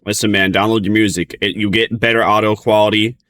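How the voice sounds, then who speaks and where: Lowish male voice, casual streamer reactions, rambling, hesitant, bemused. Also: flat delivery, fairly quick, fairly bright tone.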